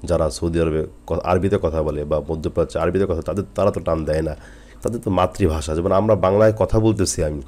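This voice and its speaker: Low-voiced guy from jessore teaching quran letters, jessore bengali accent, says each sound slow and repeats it. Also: steady tone, a little mellow. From Jessore, Bangladesh. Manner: patient, drills letters slowly and repeats them. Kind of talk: recitation lesson.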